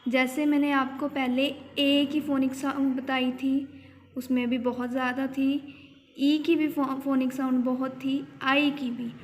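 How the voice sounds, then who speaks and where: A woman's voice: high-pitched, flat delivery, a little slow. Woman teacher, spells letter by letter, quizzes class, reverberant room. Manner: spells words letter by letter and asks the class questions. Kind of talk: phonics lesson for children. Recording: long hall reverb.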